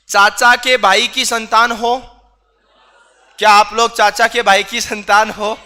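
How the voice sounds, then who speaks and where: Guy teaching a class, really bright smooth voice, keeps quizzing students. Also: high-pitched, flat delivery, slow pace, long pauses. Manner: questions students, teasing and repetitive. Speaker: reasoning teacher. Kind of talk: online class lecture.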